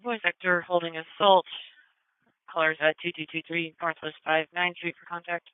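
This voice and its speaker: A man's voice: a little high, flat delivery, normal speed, clean tone, no echo. A male police dispatcher giving clipped, formal calls over a police radio transmission. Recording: tinny, narrow radio band.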